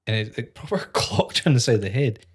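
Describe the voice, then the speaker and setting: Woman co-host, casual and animated, voice that rises and falls a lot. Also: extremely low pitch, fast talker, breathy edge. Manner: animated storyteller, acts out quotes. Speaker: podcast co-host. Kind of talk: casual chat, storytelling.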